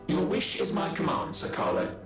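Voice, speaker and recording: A man voicing a courteous, eerie puppet servant in a video game, with a muffled, garbled voice through a distorted speaker effect. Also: normal speed. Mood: servile, eerie. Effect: distorted speaker-like filter. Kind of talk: scripted game character greeting. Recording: echoey, muffled, with music behind.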